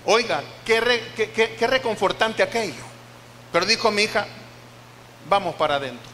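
An older man with a Costa Rican accent preaches a heartfelt testimony, repeating phrases as he tells it. His voice sits high and bright. Long church-hall reverb with a faint hiss behind him. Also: normal speed. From Costa Rica. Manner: emotional storytelling with repeated phrases. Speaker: pastor. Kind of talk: sermon testimony.

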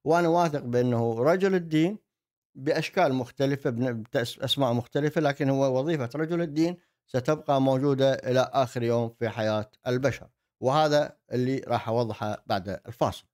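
A man explains ideas in a monologue, haltingly, often repeating himself as he searches for words. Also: medium pitch, darkish tone. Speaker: host, commentator. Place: indoor desk setup with virtual backdrop. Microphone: desk microphone on an arm.

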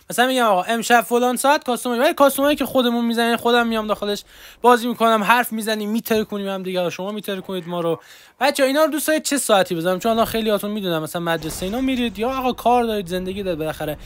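A young man streaming a mobile shooter, chatting excitedly to his viewers as he plays. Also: extremely high pitch. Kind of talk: live gameplay commentary.

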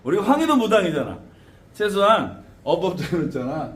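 A man teaching students as a shaman teacher, lecturing in an animated way with frequent tag questions and laughter. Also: high-pitched, fairly quick. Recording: echoey room with faint background noise.

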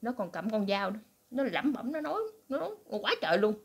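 A woman voicing a curious, excitable husband who gossips about the neighbors. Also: on the high side, fairly quick, creaky, slightly rough, full character voice. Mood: worked up. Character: curious nosy husband, middle-aged man.

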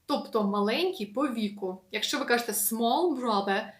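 A woman teaching an English lesson in a casual, patient way, slowly repeating words with many fillers. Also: fairly high pitch, lively intonation, roomy sound.

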